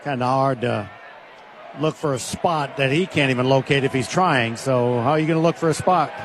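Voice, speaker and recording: A man giving radio baseball color commentary, talking through the game in relaxed, conversational analysis. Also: mid-range voice, normal speed, noisy background.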